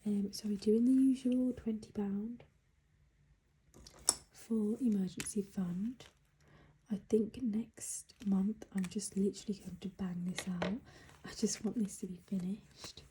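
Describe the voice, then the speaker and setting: Hushed, half-whispering British woman, very soft. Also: medium pitch, steady tone, a little slow, slight background noise, rough recording. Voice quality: soft, breathy, largely whispered. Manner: hushed, quiet early-morning voice so as not to wake others. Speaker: budgeting vlogger. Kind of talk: casual chat while counting cash. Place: indoors at home.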